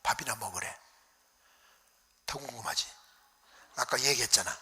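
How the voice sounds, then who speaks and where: Male revival preacher, bright and lively, shouts then whispers, echoing church hall. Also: medium pitch, moderate pace, slight background noise. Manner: animated storytelling, acting out voices, dropping to whispers. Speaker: pastor. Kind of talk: revival sermon storytelling.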